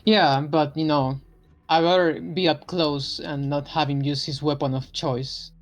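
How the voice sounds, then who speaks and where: A man's voice: a little high, fairly even intonation, unhurried. A man chatting casually as a player in a tabletop role-playing game. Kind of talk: casual gaming chat.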